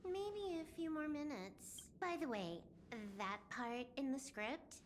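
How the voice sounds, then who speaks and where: A woman's voice: high-pitched, big pitch swings, slow pace, slight background noise, heavily acted. A woman voicing a young female hacker in a video game, casual and nonchalant.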